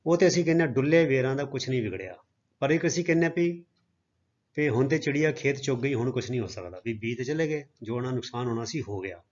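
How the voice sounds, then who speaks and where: A man teaching a recorded grammar lesson in Punjabi. He reads English example sentences slowly and chants scripture quotes. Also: medium pitch, lively intonation, a little mellow. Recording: dull lo-fi audio.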